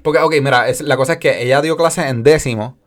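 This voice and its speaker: Fast-talking young Puerto Rican man. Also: mid-range voice. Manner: animated storytelling with acted-out quotes, heavy slang and swearing. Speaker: podcast co-host. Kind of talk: casual chat.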